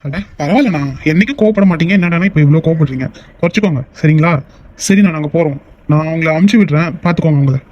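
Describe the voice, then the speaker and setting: A man voicing a young male boss in an animated short, speaking in a firm but reassuring way. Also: a little high, racing, dull audio, natural voice. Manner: firm then soothing, reassuring tone. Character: young male company boss, calm and kind. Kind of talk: Tamil animated short voice acting.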